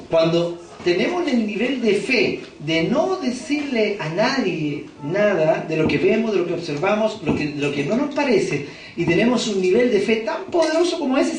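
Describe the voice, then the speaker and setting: Male pastor, high voice, chatty preaching with rhetorical questions, distant mic in a boomy church. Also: echoey room, a little hiss or hum. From Chile. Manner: conversational preaching with frequent rhetorical questions to the congregation. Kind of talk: sermon. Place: church hall. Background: congregation responding.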